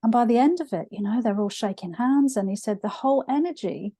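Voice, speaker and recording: A woman's voice: a little high, brisk, dark tone, no echo. Heartfelt middle-aged woman hosting a podcast. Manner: heartfelt storytelling. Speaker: podcast host. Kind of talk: conversational interview.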